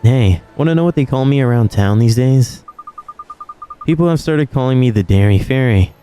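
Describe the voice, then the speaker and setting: A man's voice: mid-range voice, lively intonation, moderate pace, warm tone, faint music behind, close to an everyday voice. A man reading the lines of a chatty, cheerful young girl in a game.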